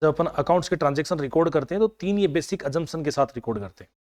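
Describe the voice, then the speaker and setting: A man's voice: fairly high pitch, lively intonation, racing, a little mellow. A man teaching an accounting class, explaining with everyday household examples and coaxing students to remember answers. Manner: everyday household examples, mixing in English terms. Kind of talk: classroom lecture.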